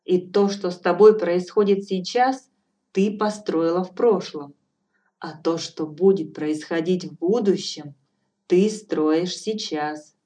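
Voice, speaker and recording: A woman's voice: fairly low pitch, takes it slowly, mellow. Woman voicing a blunt old fortune-teller. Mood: calm. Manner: cool, matter-of-fact, firmly lecturing. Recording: distant from mic, faint music behind.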